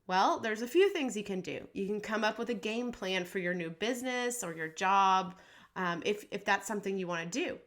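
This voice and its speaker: A podcast host with a mid-range, slightly bright voice gives a casual pep talk, upbeat, chatty and reassuring. Allergies leave her voice a bit scratchy.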